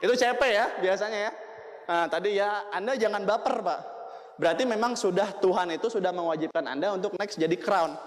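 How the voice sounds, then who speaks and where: A man giving a motivational seminar talk. He speaks in a lively, joking way and keeps asking the audience questions. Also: high-pitched, a little fast. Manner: lively, jokey, asks the crowd questions. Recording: long hall reverb.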